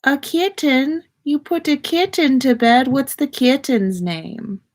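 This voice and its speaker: A woman with a high-sitting voice takes it slowly as she hosts a casual livestream, chatting with viewers and going through their comments. This podcast host's style is informal, slangy, and mildly sweary.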